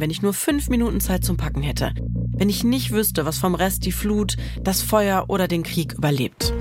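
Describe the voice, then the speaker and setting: A woman hosting and narrating a podcast, telling the story in a lively, personal way. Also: on the low side.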